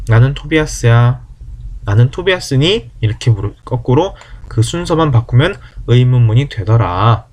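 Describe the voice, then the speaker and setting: A man teaching an online German lesson, explaining quickly and then saying German words slowly and clearly, with many questions put to his listeners. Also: mid-range voice.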